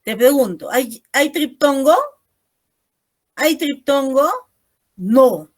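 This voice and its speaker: A woman's voice: sits high, lively intonation, slow pace. A woman teacher giving an online class over a video call, explaining patiently and ending most phrases with a questioning "no?".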